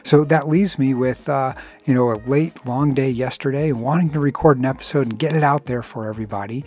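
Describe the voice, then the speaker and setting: A man in his forties hosting a casual solo podcast, talking in a relaxed, rambling way with filler words, recorded inside a small clothes closet at home. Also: medium pitch, a little fast, faint music behind. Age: 40s. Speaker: podcast host.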